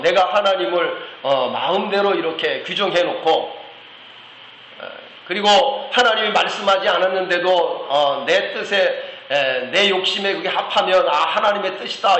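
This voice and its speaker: A man's voice: sits high, unhurried, a bit bright, reverberant, a little hiss or hum, rough recording. A man preaching a sermon earnestly, with frequent filler sounds and rhetorical "yes?" checks. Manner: acts out voices of God and of a praying believer. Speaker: pastor. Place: church sanctuary.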